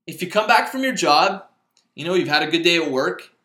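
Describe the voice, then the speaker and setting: A man's voice: fairly high pitch, lively intonation, fairly quick, bright, forceful tone. A middle-aged man hosting a motivational podcast, talking casually with many fillers and restarts. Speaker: podcast host. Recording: echoey room.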